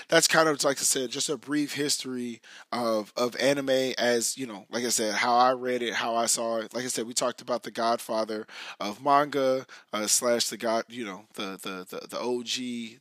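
American male podcast host, raspy whiskey voice, hoarse and worn, medium pitch, casual slangy rambling, close dry sound. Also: fairly even intonation, normal speed, a bit bright, dry recording. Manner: rambling, slangy, addresses listeners directly. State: hoarse, losing his voice. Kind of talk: casual solo podcast talk.

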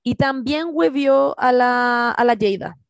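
A woman's voice: fairly high pitch, slow pace, creaky, clean tone, no echo, muffled recording. A young woman with a Chilean accent telling a story in casual chat, full of slang and acted-out quotes. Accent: Chilean Spanish.

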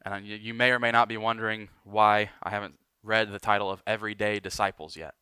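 A man preaching a sermon as pastor, emphatic and building, then dropping to quiet lines for weight. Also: on the low side, fairly even intonation, fast, clear, resonant tone, dry recording, studio quality.

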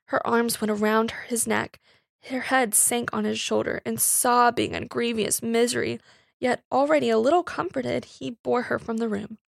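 A woman reading a Victorian short story aloud in a measured, expressive storytelling voice. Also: on the high side, vocal fry, no echo, clean studio sound. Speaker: reader.

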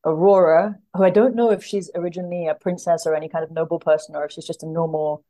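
On a podcast, a literary translator talks about literature in a thoughtful, conversational way, hesitating and correcting herself as she thinks out loud. Her voice is on the low side and mellow, with a steady tone and a quick pace.

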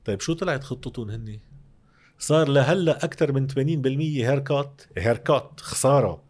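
Fast-talking Lebanese man explaining economics. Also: mid-range voice, darkish tone. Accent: Lebanese Arabic. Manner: emphatic, uses rhetorical questions. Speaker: interview guest, economic commentator. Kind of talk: explanatory interview talk on economics.

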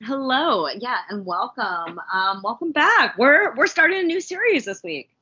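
A woman's voice: a little high, big pitch swings, measured pace, sharp tone, slightly rough, highs cut off. A woman chatting casually as the co-host of a podcast.

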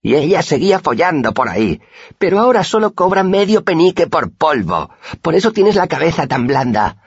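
Loud crude street kid, squeaky high and husky, lots of swing, dry sound. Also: male voice, sing-song, brisk, no room sound, lo-fi sound, full character voice. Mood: jeering. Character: crude, greedy, taunting street boy.

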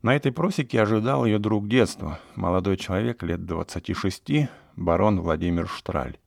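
Low gravelly guy reading a classic story aloud, dry close mic. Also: normal speed, darkish tone, no room sound. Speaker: narrator. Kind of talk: audiobook narration of classic prose.

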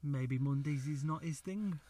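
A man's voice: fairly high pitch, a little slow, dark tone. A man, co-hosting a podcast in casual, slangy, swearing banter. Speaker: podcast co-host. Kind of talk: casual chat.

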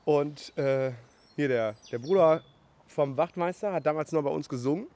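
A man's voice: on the high side, normal speed, darkish tone, no echo. A man, a guest telling long, rambling anecdotes in casual chat, full of fillers and tag questions. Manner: rambling storyteller with many fillers and "ne?". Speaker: guest, food truck and restaurant owner.

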